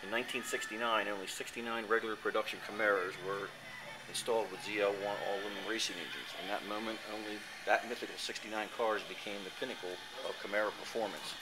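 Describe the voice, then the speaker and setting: A man giving an enthusiastic dealership sales pitch for a car, reciting specs in a showroom, recorded on a handheld camera. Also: steady tone, quick pace. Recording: noisy showroom ambience.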